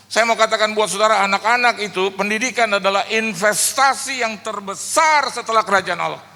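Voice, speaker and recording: A man pastor preaching a sermon in lively storytelling fashion from a church stage, with a reverberant hall around him. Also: sits high. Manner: animated storytelling, rhetorical "Halo?" checks.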